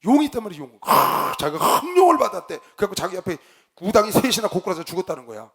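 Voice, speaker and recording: A man preaches in a storytelling way, his husky voice sitting high and swinging widely in pitch. He mixes loud shouted bits with quiet asides. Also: fast talker. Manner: animated storyteller, shouts quoted lines, drops to low asides. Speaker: pastor. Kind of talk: sermon with storytelling.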